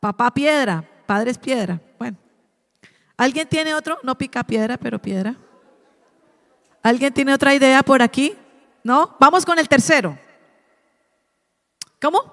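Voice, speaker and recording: Woman preacher, high voice, lively, interactive sermon, asks the congregation questions, long church hall reverb. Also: a little slow, pauses often. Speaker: preacher at a family service.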